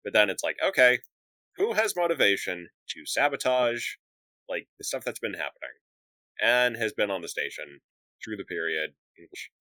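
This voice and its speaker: A man's voice: on the low side, sing-song, moderate pace, pushed and bright, dry recording. A man chatting as a player in a tabletop game, rambling and full of "like". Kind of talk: casual tabletop game chat.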